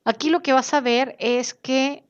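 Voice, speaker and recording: A woman teaches an online class. She talks in a lively way and slips into other voices to act out the people she quotes. The recording sounds dull and lo-fi. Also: high voice, unhurried, clear, resonant tone. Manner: lively, acts out quoted speakers in changed voices.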